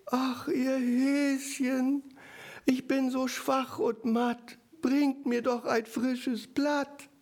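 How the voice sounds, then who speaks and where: A man voicing a sly male fox who feigns weakness with a slow, drawn-out whimper, as if reading a storybook aloud. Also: very high voice, little pitch movement, darkish tone, voice pushed up, full character voice.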